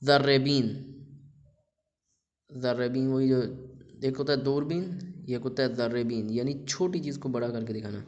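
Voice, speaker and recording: A man's voice: mid-range voice, a little mellow. A man teaching a recorded language lesson, reading vocabulary words aloud with stress and then explaining what each one means.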